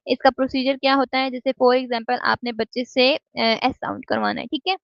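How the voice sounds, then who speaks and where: Female lecturer, slightly high voice. Methodical, mixes in English terms. Dull, dry recording. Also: fairly even intonation, normal speed, no room sound. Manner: explains step by step, keeps asking "ठीक है?"; mixes English terms into Hindi-Urdu speech.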